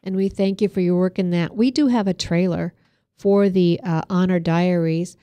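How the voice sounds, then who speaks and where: Mellow chatty woman hosting a talk show. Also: on the low side, steady tone, moderate pace, clean tone. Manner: chatty and loose, with fillers and asides. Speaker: host.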